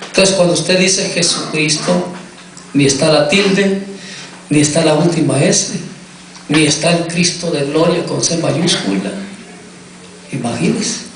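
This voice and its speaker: A man's voice: on the high side, a little slow, pauses often, a little hiss or hum. A male pastor preaching a sermon, often asking his congregation questions as he goes. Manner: questions the congregation, repeats "me entiendes". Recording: echoey hall, distant mic.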